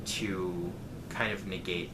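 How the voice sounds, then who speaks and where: This vlogger has a lowish voice and tells his viewers a casual story at a slow pace, growing animated as he retells conversations. Behind him, the echoey, roomy recording carries clear background noise.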